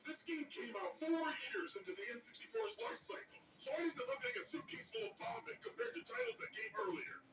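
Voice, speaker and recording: An actor playing an irritable, sarcastic werewolf in a scripted comedy game review, complaining with dry insults. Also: male voice, very high voice, big pitch swings, brisk, few pauses, fairly bright tone, a little hiss or hum, exaggerated voice. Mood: exasperated. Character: sarcastic, irritable werewolf man forced to play bad video games. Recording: roomy, distant, music underneath. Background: music.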